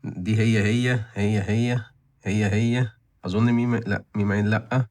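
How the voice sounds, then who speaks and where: A man's voice: on the low side, fairly even intonation, moderate pace, a little mellow. A man in his twenties with an Egyptian accent, hosting his own channel and chatting casually to viewers. He rambles and thinks aloud, often repeating himself. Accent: Egyptian Arabic. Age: 20s. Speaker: channel host reviewing license plate auctions.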